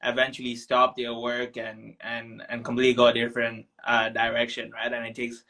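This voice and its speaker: A man's voice: mid-range voice, completely flat delivery, brisk, bright, forceful tone, low-quality recording. A young man from Tanzania, a founder talking as a guest in a casual interview, reflective and full of ums and restarts. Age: young adult.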